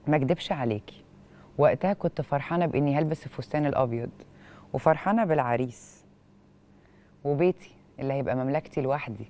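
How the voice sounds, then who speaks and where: A television host, female and Egyptian-accented, reads a letter and responds with expressive questions, recorded via lapel mic in a studio. Her bass voice moves fast, broken by long pauses.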